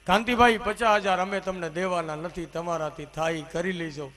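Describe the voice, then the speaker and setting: A man voicing a bold, clever village wife, with a shrill raised voice and a brisk, sharp manner during a sermon story. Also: fairly even intonation. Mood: shouting. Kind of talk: storytelling in a religious discourse.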